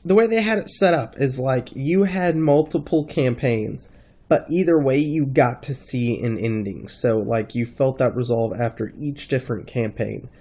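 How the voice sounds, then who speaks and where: A man with a congested, stuffy-nosed voice talking casually in a rambling gaming vlog, halting as he thinks. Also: mid-range voice, a little mellow. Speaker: gaming video creator.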